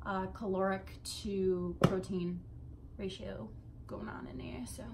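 A young woman vlogs from her bedroom, talking slowly in a level, medium-pitched voice. Her chat to camera is casual and rambling, with swearing and asides, over a very noisy background.

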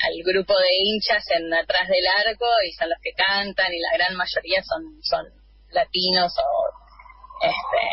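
A woman with an Argentine accent, a guest in a casual radio interview, talking chattily with many hesitations and easy laughter. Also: medium pitch. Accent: Argentine Spanish. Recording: dull lo-fi line with faint hiss.

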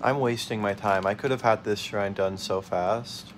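A man's voice: fairly low pitch, moderate pace, background noise. A young man casually commenting on a video game as host, laughing and yelping at his own mishaps. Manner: excitable, yelps and laughs at mishaps. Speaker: let's play host.

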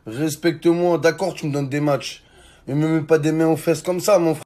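A man in his forties doing comic sketches and vlog monologues, loud, excitable and slangy, often breaking into shouts. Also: a little high, normal speed, a little hiss or hum. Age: 40s. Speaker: comedian.

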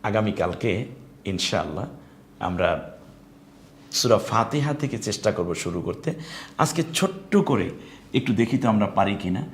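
A man's voice: lowish voice, expressive. Bangladeshi man teaching Quran recitation, echoey. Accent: Bangladeshi Bengali. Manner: explains slowly, then draws out sung example words. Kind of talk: live online lesson. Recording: echoey room with faint noise.

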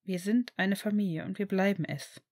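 A woman voicing a caring, steady young man, in an audiobook reading of fan fiction. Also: mid-range voice, moderate pace, no room sound, studio quality, close to an everyday voice. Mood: reassuring. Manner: reassuring, earnest.

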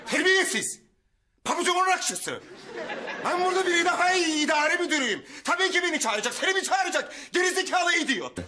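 An actor playing a pompous, short-fused middle-aged office manager with a regional accent who shouts insults, in a TV sitcom. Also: male voice, very high-pitched, lively intonation, brisk, a crowd in the background. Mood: irate. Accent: regional Turkish accent. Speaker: sitcom character. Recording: TV sitcom audio with laugh track and noise. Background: studio audience laughter.

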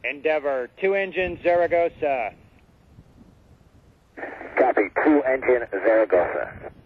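A man's voice: mid-range voice, measured pace, slightly rough. A man making terse, procedural space mission calls over a radio link, like a sci-fi communicator. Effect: crackly radio transmission. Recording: muffled, hissy space-to-ground radio.

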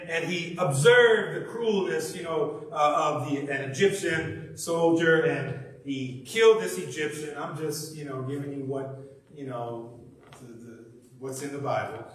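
A man delivers a sermon in a church, retelling a story in a folksy, animated way, stumbling and restarting as he goes. His voice sits a little high. The mic is well away from him, and the sanctuary rings with heavy echo. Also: a little slow. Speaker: minister. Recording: very echoey hall, distant mic.

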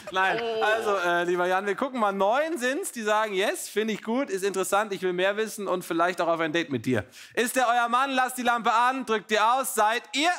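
A man's voice: high voice, lively intonation, sharp tone. A man hosting a dating show in a large TV studio, joking and teasing the contestants. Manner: joking, teasing, quick asides. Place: large TV studio with live audience.

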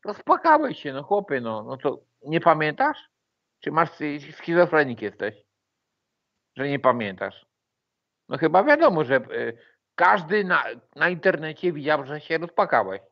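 A man's voice: a little high, sing-song, normal speed, lo-fi sound. A man hosting a casual livestream, mocking and taunting with frequent swearing and laughter. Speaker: livestream host.

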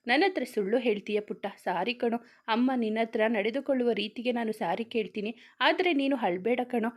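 A short-tempered young man from a storybook who is tender with his sister, as a woman reader puts him on. He coaxes gently in a slightly high voice. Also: fairly quick, natural voice. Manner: tender and coaxing.

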